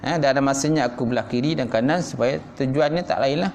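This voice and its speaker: A man's voice: medium pitch, fast, darkish tone, slight background noise. A middle-aged man with a Malaysian Malay accent giving an evening lecture in a small prayer hall, reading a passage and then retelling it casually, calling the audience "tuan-tuan". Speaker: religious teacher. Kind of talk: evening mosque lecture on a classical text. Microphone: live-streamed lecture mic.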